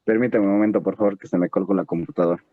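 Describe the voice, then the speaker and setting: A man's voice: sits low, fairly even intonation, racing, no room sound, narrow, tinny audio. A male English teacher with an Ecuadorian Spanish accent, leading an online class and drilling grammar patiently with check-in questions. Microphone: computer mic on video call.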